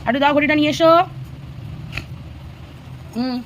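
Mother vlogger, high voice, patient and repetitive, home recording with faint noise. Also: steady tone, normal speed. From Bengal. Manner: patient, repeating instructions gently. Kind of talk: home vlog narration and coaching a child. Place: home, indoors.

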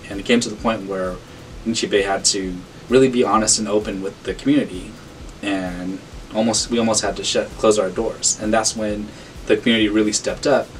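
A man from Sacramento, a board member, speaking to camera in an earnest, conversational way from a small office. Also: on the low side. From Sacramento, California. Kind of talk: casual reflection to camera. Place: small office room with banner. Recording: distant mic with faint room hum.

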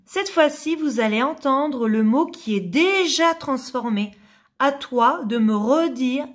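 Very slow-speaking woman teacher. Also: high-pitched. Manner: slow, carefully articulated syllables, repeating each word. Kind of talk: slow phonics lesson for young children.

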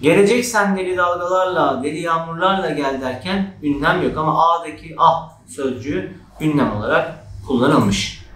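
A man teaching a grammar lesson for exam prep, lively and acting out example shouts. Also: moderate pace. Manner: lively, acts out example shouts with raised pitch. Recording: echoey room.

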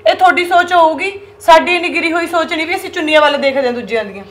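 Defiant young daughter-in-law, played by a woman, Punjabi accent, quick and very high-pitched. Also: fairly bright tone. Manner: defiant, retorting.

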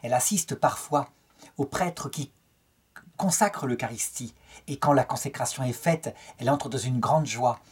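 A man's voice: mid-range voice, measured pace, a little mellow, breathy edge. A middle-aged French man giving a spoken lecture on a saint's life, telling it as a story and lifting his tone to quote the people in it. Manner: storytelling, quotes dialogue with lifted tone.

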